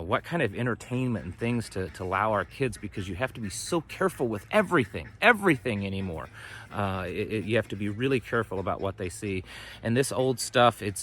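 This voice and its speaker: Ducks can be found near this middle-aged American as he hosts his homesteading and prepping vlog outdoors. His voice is lowish and fairly bright, and his folksy, casual chat to camera rambles and fades out mid-thought.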